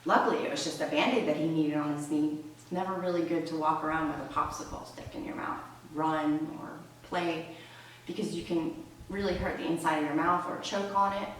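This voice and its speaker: A woman with a low voice tells stories and explains lessons as a reading tutor and read-aloud presenter, speaking expressively and conversationally to her listeners at a fairly quick pace. The recording is very echoey and roomy, with a distant microphone and slight background noise.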